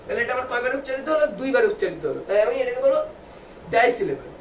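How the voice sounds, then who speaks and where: A man with a high voice gives a video lesson for students. He spells words out slowly, letter by letter, and answers the questions he asks. He sounds distant from the mic in a roomy space with faint noise behind him. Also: big pitch swings. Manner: asks the viewers questions and answers them himself. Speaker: English tutor.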